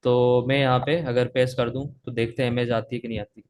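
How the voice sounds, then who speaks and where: This man talks fast in a flat, darkish mid-range voice, with a little hiss or hum in the background. He's a coding instructor from Pakistan on a live video call, typing as he explains and coughing from a sore throat. He frequently checks in with "theek hai."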